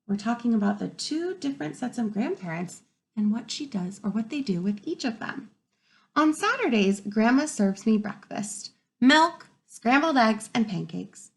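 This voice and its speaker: A kindergarten teacher with a fairly high, gravelly voice reads a picture book aloud to young children, expressive throughout and pausing to wonder aloud.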